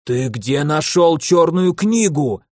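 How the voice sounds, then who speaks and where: A man voicing an ancient, irritable archmage who speaks in a slow, drawn-out growl in an audiobook. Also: a little high, expressive, no echo, clean studio sound. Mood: alarmed. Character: ancient irritable male archmage, stern and grumpy.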